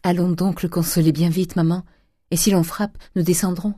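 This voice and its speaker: An earnest, gentle young woman, as the reader acts her out. She speaks softly and sincerely, in a dark, mellow voice recorded dry. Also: mid-range voice, flat delivery, normal speed, no room sound, voice pushed up, close to an everyday voice. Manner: soft, earnest.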